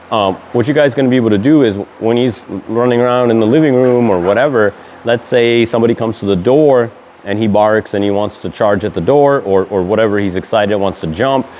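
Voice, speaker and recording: A man's voice: lowish voice, darkish tone, slight background noise. A man with a lisp from missing front teeth, giving casual, informal instruction as a dog trainer. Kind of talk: casual instructional talk to clients.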